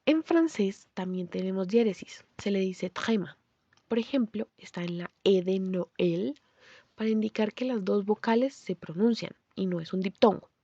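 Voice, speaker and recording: A woman giving a scripted pronunciation lesson, explaining clearly and saying example words slowly. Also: medium pitch, lively intonation, warm tone, dry recording, dull audio. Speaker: language teacher.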